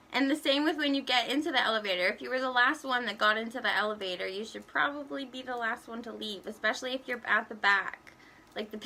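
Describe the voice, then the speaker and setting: A young woman talks straight to her camera in a blunt, casual rant, counting down her list and swearing freely. Her voice sits a little high and sounds bright and sharp. She laughs between points as she goes. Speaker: vlogger.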